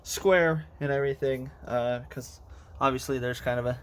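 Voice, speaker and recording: A man's voice: medium pitch, fairly even intonation, normal speed, a little hiss or hum. A man giving a casual, rambling walkthrough of his car audio build, out of breath and correcting himself as he goes. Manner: rambling, self-correcting, many fillers. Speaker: car audio hobbyist vlogger. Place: garage, in a car.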